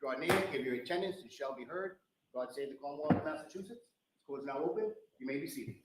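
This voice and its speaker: Fast American male court crier, distant and echoey. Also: fairly high pitch, lively intonation, heavy background noise. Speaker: court officer. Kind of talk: formal proclamation. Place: large indoor courtroom.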